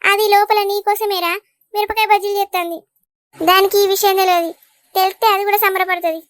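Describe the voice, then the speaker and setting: A woman voicing an emotional older village mother in a cartoon, pleading dramatically in a high-pitched voice. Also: steady tone, quick pace, a bit bright, no echo, studio quality. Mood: coaxing. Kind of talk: Telugu cartoon dubbing.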